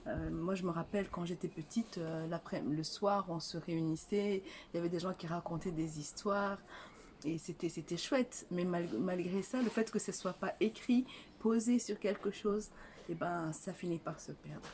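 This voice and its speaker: A woman's voice: fairly low pitch, normal speed, darkish tone, slight background noise. An older woman from Rwanda, an author answering interview questions in a hesitant way, full of fillers and restarts. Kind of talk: casual interview.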